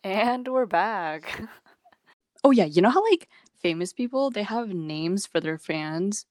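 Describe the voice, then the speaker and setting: A woman's voice: mid-range voice, lively intonation, slow pace, a little mellow, dry recording, studio quality. A young woman co-hosting a casual podcast chat, giggling often and rambling with lots of fillers. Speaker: podcast co-host.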